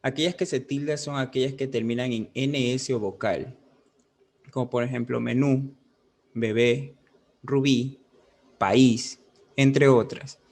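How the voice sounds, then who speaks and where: A young man, a student, reading a class presentation in a measured way and giving examples. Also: medium pitch, fairly even intonation, darkish tone.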